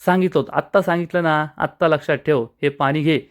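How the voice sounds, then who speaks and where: A man's voice: on the high side, fairly even intonation, fast, close to an everyday voice. A man voicing a bossy, hot-tempered young man who scolds and gives impatient commands. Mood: scolding.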